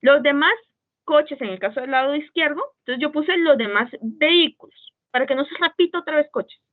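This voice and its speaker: A woman's voice: high voice, normal speed. A woman teaching an online writing class, patient and checking often that students follow. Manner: patient, checks understanding with frequent "¿sí?". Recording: tinny phone-like call audio.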